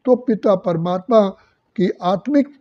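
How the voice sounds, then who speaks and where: An older man delivers a spiritual discourse in a slow, measured way, his voice set high and mellow. He lists virtues one at a time. The recording sounds dull and lo-fi. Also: expressive. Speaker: spiritual teacher.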